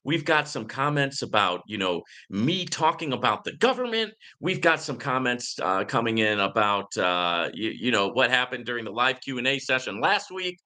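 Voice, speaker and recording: Answering viewer comments during a casual livestream Q and A, a male host talks outspokenly and emphatically, often checking for agreement with "right?". His mid-range voice is pushed and bright, swinging widely in pitch. He moves at normal speed with few pauses.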